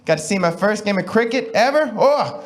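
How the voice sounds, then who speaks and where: A man's voice: sits high, expressive, fast. A man from Texas doing a stand-up comedy set on stage, telling stories in a wry, conversational way into a stage mic. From Texas, USA. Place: comedy stage at an arts centre. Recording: live show with noisy room ambience.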